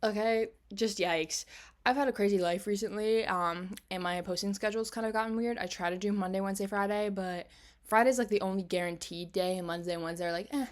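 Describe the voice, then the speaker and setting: A woman at a moderate, ordinary pitch chatting through her gameplay in a loose, unscripted way. She wanders between thoughts, cuts herself off and restarts. Her speech is full of "like" and "um" as she talks. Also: fairly even intonation. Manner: rambling, scattered, often breaks off mid-sentence; chatty, fills pauses with "like" and "um". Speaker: gaming channel host. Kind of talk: casual gameplay commentary.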